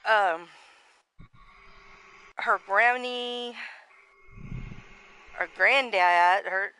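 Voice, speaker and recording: A woman commentating a simulated wrestling match in a loose, chatty way. Her voice is bright and sharp. She rambles, restarts her sentences and reads viewer comments aloud. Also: mid-range voice, drawn-out words, slight background noise, low-quality recording. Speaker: play-by-play commentator.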